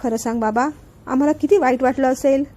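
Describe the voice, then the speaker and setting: A woman's voice: sits high, fairly even intonation, fairly quick, mellow. Woman reading as a bossy little girl. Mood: pouting. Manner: childish pouting talk.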